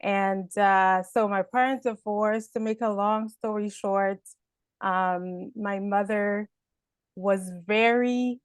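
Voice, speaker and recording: A woman's voice: medium pitch, steady tone, slow pace, clean tone, no echo. A woman born in Haiti and raised in Canada, a personal development speaker answering interview questions in a reflective, hesitant way.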